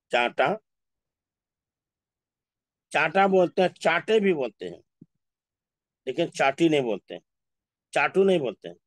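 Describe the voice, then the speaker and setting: Male Urdu teacher with a slightly high voice, slow and repetitive, drilling vocabulary. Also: no room sound, clean studio sound. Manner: slow, repeats word lists aloud. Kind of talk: classroom lesson.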